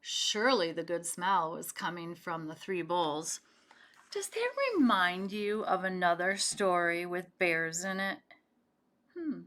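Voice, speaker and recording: A woman with a lowish, fairly bright voice reads a picture book aloud to children at a slow pace. She breaks into the story with chatty explanations and asks the young listeners questions.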